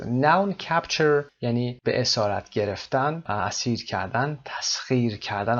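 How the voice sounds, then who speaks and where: Gravelly-voiced man teaching English. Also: medium pitch, fairly bright tone, highs cut off. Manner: mixes English terms into explanations, with fillers. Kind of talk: explaining an English lesson.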